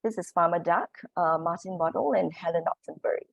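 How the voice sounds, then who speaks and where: Singaporean woman teacher trainer, lowish husky voice, lots of okay and et cetera, dry sound. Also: fairly quick, no echo. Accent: Singaporean English. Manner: explanatory, frequent "okay" and "et cetera" fillers. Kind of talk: presentation on teaching reading.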